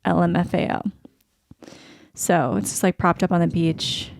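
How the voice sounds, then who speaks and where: A young adult woman hosting a casual podcast, chatty and giggly with quick asides. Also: fairly low pitch, creaky, no room sound, clean studio sound. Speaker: podcast host. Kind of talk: casual chat.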